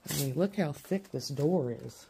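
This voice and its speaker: A man's voice: on the high side, lively intonation, unhurried, creaky, background noise. A man narrating a walkthrough of an abandoned house, exclaiming often in amazement as he films with a handheld camera. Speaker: urban explorer vlogger. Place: inside a derelict house. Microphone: handheld camera mic.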